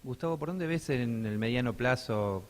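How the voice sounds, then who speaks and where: A man's voice: medium pitch, animated, normal speed. A man moderating a seminar panel, asking long questions with hesitations.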